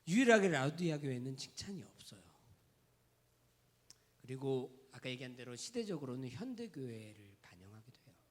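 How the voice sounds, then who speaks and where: A male pastor preaching a sermon in a direct, conversational way, dropping to hushed near-whispers and building to loud, rising emphatic lists. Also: medium pitch. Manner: speaks to the congregation in a direct, conversational tone.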